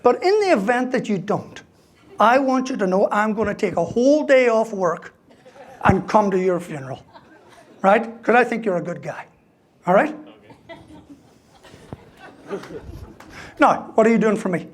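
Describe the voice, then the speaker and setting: A man's voice: high-pitched, animated, normal speed, long pauses. A man giving a humorous motivational talk as a university lecturer, asking "right?" after most points. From Ireland. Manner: joking, ends lines with "right?".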